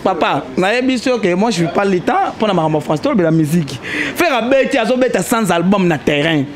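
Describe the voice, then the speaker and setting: A young man with a high voice talks fairly quickly in a heated casual debate, pressing his points animatedly with rising emphasis and mixing French and Lingala. He's recorded in a small indoor studio on a handheld mic held toward him.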